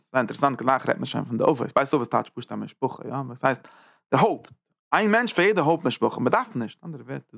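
A man teaching a Torah lecture as a rabbi, repeating phrases and checking in with quick "ja?" asides. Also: mid-range voice, vocal fry, a bit bright, dry recording, clean studio sound. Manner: tags points with quick "ja?" checks; repeats and restarts phrases while building an idea.

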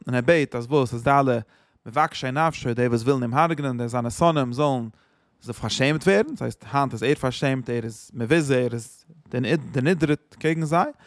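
Rapid-fire man teaching. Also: mid-range voice, gravelly, no room sound, studio quality. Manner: fast, halting explanation with many restarts, quoting and translating verses. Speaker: Torah teacher. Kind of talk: explaining a psalm chapter.

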